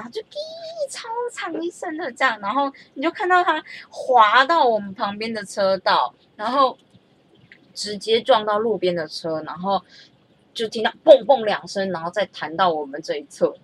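A young woman, telling a story in a chatty, animated way and stammering when she gets excited. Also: on the high side, breathy edge. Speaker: vlogger. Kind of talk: casual storytelling.

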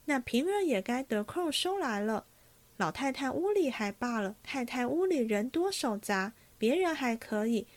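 A woman's voice: fairly high pitch, darkish tone, dry recording, close to an everyday voice. Sheyue, a woman reading a shrewd practical maid.

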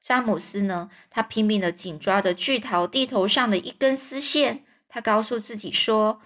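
A woman reads a children's storybook aloud in a gentle, plain voice. She often stops to explain words in simple terms for young listeners. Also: medium pitch, normal speed. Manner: gentle, with fillers and restarts. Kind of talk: reading a children's book aloud.

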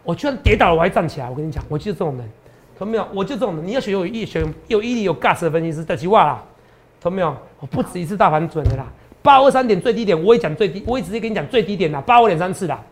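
Hoarse, boastful man talking fast and high. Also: expressive. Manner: boastful, emphatic, rhetorical questions. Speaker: stock market analyst host. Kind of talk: promotional market commentary.

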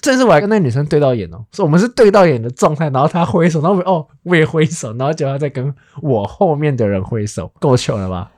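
A young speaker teases a friend in a casual chat. The voice is fast and jumps around a lot in pitch. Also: lively intonation, a little mellow, dry recording, studio quality. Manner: teasing, quick-talking.

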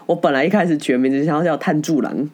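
Low-pitched Taiwanese woman podcaster, casual. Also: very fast, darkish tone. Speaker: podcast co-host. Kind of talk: casual chat.

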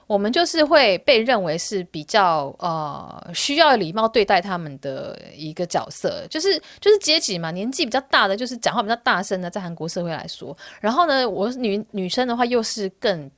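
A woman's voice: mid-range voice, a little fast, few pauses. A young woman who works as a rental agent, casually telling her viewers a story and getting worked up as she retells it. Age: young adult. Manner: animated, gets worked up while retelling.

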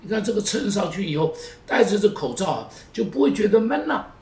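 A male pastor preaching a sermon in an emphatic way, repeating phrases and moving between loud urging and hushed pleading. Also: sits high, big pitch swings, brisk. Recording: roomy echo, voice from a distance, faint noise.

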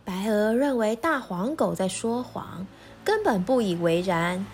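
A woman teacher reading a children's story aloud in a gentle, clearly paced way. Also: medium pitch, sing-song, unhurried, slight background noise.

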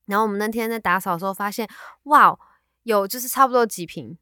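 A young woman co-hosting a podcast in casual chat, lively and teasing, laughing often. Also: medium pitch, fast, smooth, no room sound, clean studio sound. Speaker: podcast co-host.

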